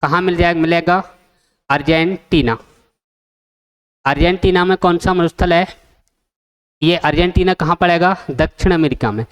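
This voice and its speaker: A man's voice: a little high, normal speed, pauses often, clear, resonant tone. A man teaching an exam-prep geography lesson, asking the class questions and repeating the answers. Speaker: coaching teacher.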